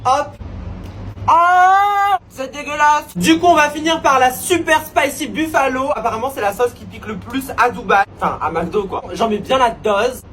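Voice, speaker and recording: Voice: high-pitched, moderate pace, slight background noise. A vlogger from France talking to camera in a casual, dramatic, chatty way. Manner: expressive, dramatic reactions, chatty. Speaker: social media creator. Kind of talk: casual vlog narration to camera.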